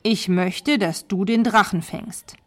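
A weary old-fashioned storybook king who has no patience for boasting, voiced by a woman reader. He speaks dryly and dismissively at a slow, deliberate pace. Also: medium pitch. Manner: dry and dismissive. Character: weary, scornful male king.

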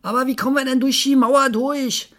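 A storyteller voicing an excitable monkey escaped from the zoo, with high, loud, drawn-out squeals over a creaky, husky voice. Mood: excited.

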